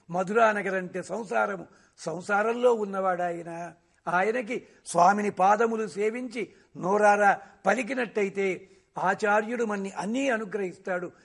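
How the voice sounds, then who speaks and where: A man delivers a devotional discourse on scripture, reciting verses slowly and posing rhetorical questions that he answers himself. His voice is high, gravelly and slightly rough.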